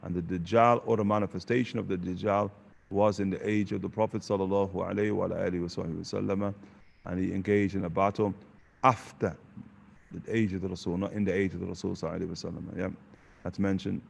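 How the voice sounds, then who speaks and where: A man, teaching in a relaxed question-and-answer lesson and dropping Arabic phrases between points. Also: sits low, fast talker, creaky, breathy edge. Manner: conversational, sprinkles Arabic phrases, asks "you get the point?". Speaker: religious teacher.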